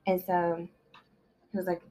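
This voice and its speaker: A woman's voice: fairly low pitch, monotone, a little slow, mellow, a little hiss or hum. A woman casually retelling a novel's plot, rambling along with constant fillers like "like" and "you know". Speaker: book summary vlogger. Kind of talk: casual story recap.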